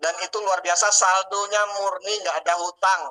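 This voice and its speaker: A man's voice: high voice, level tone, moderate pace, pushed and bright, poor audio. A man in his late thirties telling his business story in an interview, earnest and full of fillers and tag words. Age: late 30s. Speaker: guest businessman. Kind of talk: testimonial interview talk.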